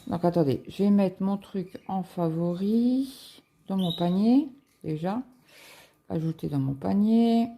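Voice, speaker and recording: Brief: woman, cross-stitch vlogger, unhurried and mellow, thinks aloud with lots of "euh", faint hiss behind. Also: medium pitch. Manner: musing aloud, halting, many fillers. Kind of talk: casual screen-share chat.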